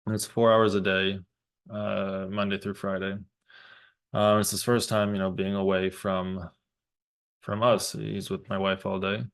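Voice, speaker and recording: A man in his thirties talking thoughtfully about parenting, pausing often and restarting his sentences. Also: low-pitched, completely flat delivery, gravelly, clean tone. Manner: thoughtful, halting, many fillers and restarts. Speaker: parent vlogger. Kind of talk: reflective personal talk.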